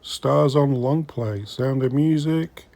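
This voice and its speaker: Slow and gravelly, the dark mid-range voice belongs to a middle-aged man who hosts a vintage collecting vlog. Inside a secondhand shop, he gives viewers relaxed, chatty commentary while browsing, with the odd muttered aside.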